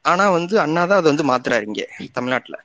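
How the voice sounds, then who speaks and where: A man talks casually but earnestly in an online audio discussion, laying out his point step by step. His voice sits somewhat high for a man, and he often breaks off and restarts his phrases as he goes. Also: animated, fast, fairly bright tone, no room sound, muffled recording. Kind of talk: casual political talk.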